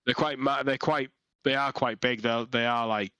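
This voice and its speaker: A man running a tabletop game as dungeon master, narrating haltingly with many fillers and restarts over a headset. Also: mid-range voice, fairly even intonation, sharp tone, clean tone, no room sound.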